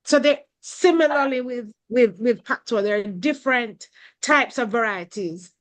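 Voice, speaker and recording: A woman giving a webinar talk over a video call, deliberate and often repeating words as she finds her phrasing. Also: fairly high pitch, poor audio. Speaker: guest speaker. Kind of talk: webinar talk answering a question.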